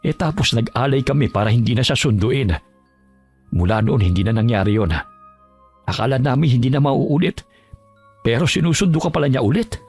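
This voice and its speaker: Guy voicing a gentle worried dad, soft and soothing, storybook horror. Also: medium pitch, expressive, fairly quick, long pauses, slightly rough, soft background music, voice pushed up. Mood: explaining. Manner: soothing, pleading. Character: worried, gentle middle-aged father.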